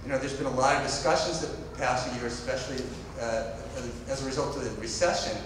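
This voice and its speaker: A man moderating a panel discussion on stage, explaining in long, winding sentences. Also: mid-range voice. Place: stage of a large indoor hall with audience. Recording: echoey hall, distant and noisy.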